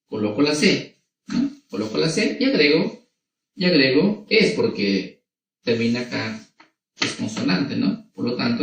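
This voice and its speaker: A male primary school teacher with a Peruvian Spanish accent, explaining grammar to children slowly and repetitively, often checking in with them. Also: medium pitch, creaky. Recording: echoey room, voice from a distance.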